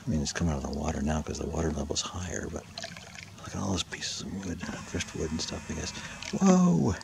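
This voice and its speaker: A gravelly bass voice, a little fast, belongs to a man kayaking along a rocky lakeshore in search of a lake monster. He talks excitedly to the camera in casual first-person narration, often dropping to a whisper. The outdoor camera audio carries water and paddling sounds.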